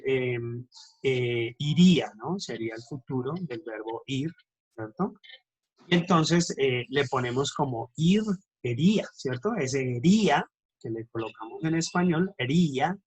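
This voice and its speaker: Husky bilingual teacher, man. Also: mid-range voice, rough recording. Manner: switches between English and Spanish, corrects himself often; checks in with students constantly. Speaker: English teacher. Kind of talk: online grammar lesson.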